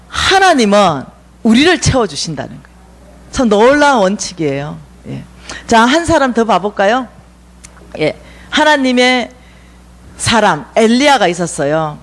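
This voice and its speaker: A woman giving a revival lecture at a church, acting out the dialogue between God and Elijah. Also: on the high side.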